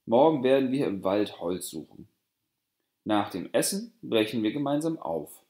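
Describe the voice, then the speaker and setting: A man's voice: medium pitch, sing-song, normal speed, a little mellow. A man voicing envious, mocking aunts in a fairy-tale audiobook, with a taunting, scornful manner. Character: group of mocking, envious women. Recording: roomy echo.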